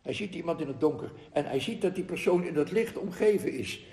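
Man with a slightly high voice, reflective teacher reading aloud to a group, slow and earnest, roomy echo. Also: animated, creaky, darkish tone. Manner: slow, earnest, with frequent pauses and tag questions. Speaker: spiritual teacher addressing a group. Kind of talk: reflective talk with read-aloud passages.

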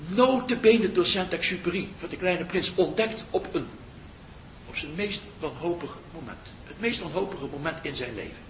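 High-voiced older man giving a reflective talk. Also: lively intonation. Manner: slow, pausing, trails off softly. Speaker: meditation teacher. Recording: muffled roomy recording with faint rumble.

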